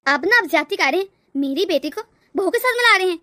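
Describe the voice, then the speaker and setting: Scornful cartoon mother-in-law, woman voicing, shrill high voice, dry. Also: animated, fast talker, pushed and bright, no echo, exaggerated voice. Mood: nagging. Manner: nagging, haughty. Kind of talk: cartoon voice acting.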